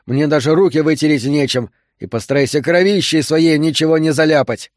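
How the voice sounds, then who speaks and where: Gruff male doctor under pressure, urgent commands, dry close sound, read by a male narrator. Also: a little high, fairly quick, darkish tone, no echo, lightly acted. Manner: barking urgent orders. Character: male doctor forced into emergency surgery, gruff, bossy.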